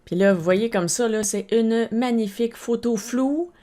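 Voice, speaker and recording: A woman with a Québécois French accent, chatting casually to camera as she tells a personal story, animated and full of fillers. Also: on the high side, moderate pace. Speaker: vlogger.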